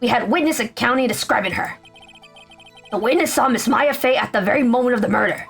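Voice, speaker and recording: A woman's voice: a little high, fairly quick, gravelly, faint music behind. A woman voicing a bumbling male police detective in a game, answering in clipped, soldier-like replies. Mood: dutiful.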